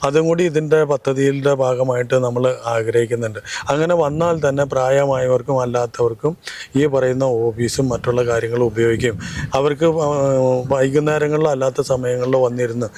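Male local candidate in an interview, mid-pitched, earnest, methodical. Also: a little mellow. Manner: earnest, measured, lists plans point by point. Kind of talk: interview answers.

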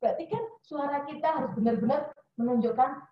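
A woman's voice: sits high, a little fast. Chatty woman teacher in an echoey room. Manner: chatty, addresses listeners as Bunda, many fillers. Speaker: early childhood educator speaking to parents. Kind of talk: parenting webinar talk. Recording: dull, echoey room audio.

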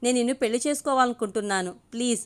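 A woman voicing an eager young man in an audio story, pleading and rattling off his words without pause. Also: fairly high pitch, natural voice. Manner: rattles off lines without pausing.

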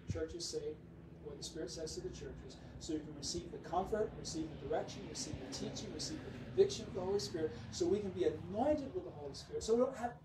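A pastor preaches at a camp meeting in a fairly high voice. He swings between emphatic, ringing declarations and quiet, conversational asides. The recording is roomy and distant, with clear background noise. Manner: conversational, with frequent asides to the audience. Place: large hall or tent at a camp meeting. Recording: echoey, noisy room recording from a distance.

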